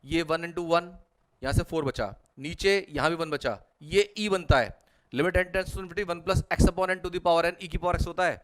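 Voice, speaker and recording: Man, maths tutor, fairly high voice, step-by-step board working. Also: moderate pace, fairly bright tone. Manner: talks students step by step through working out each problem. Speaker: mathematics tutor. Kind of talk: whiteboard problem-solving lecture.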